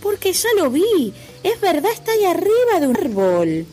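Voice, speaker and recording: A woman doing an excitable herd elephant. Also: extremely high pitch, moderate pace, soft background music, pitched above the performer's own voice, exaggerated voice. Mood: excited.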